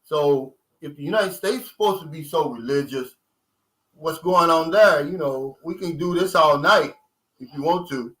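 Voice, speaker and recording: A man in his fifties hosts a live stream, reading viewers' comments aloud and answering them in loose, streetwise talk. His voice is fairly high and fairly bright, at a moderate pace, and the recording is rough. It is casual live-stream chat from a vlogger working through his chat.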